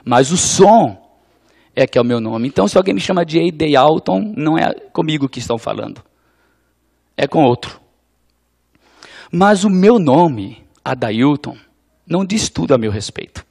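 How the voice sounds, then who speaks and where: A man's voice: fairly high pitch, very animated, moderate pace, creaky, pauses often, a little mellow, husky. A man from Brazil giving a reflective, conversational gospel talk with a wry sense of humor. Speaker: preacher.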